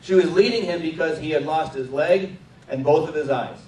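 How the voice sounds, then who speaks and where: A middle-aged man, a military chaplain, giving an earnest inspirational speech to a live audience and slowing down to stress his key points. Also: a little high, dark tone. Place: large room before an audience. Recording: echoey room, distant mic, faint background noise.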